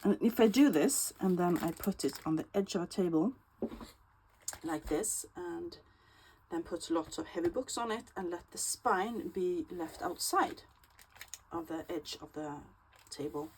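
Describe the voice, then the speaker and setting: On poor audio with a little hiss or hum, a crafting channel host from Sweden talks through a relaxed tutorial. Her fairly low voice is unhurried and a little mellow, carrying the accent of her native Swedish, and she drops hesitant fillers as she works.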